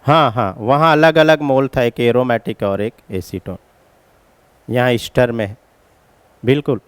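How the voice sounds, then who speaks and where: A man's voice: mid-range voice, unhurried, smooth, no echo. A man teaching chemistry as a classroom lecture, explaining each step and calling his students children.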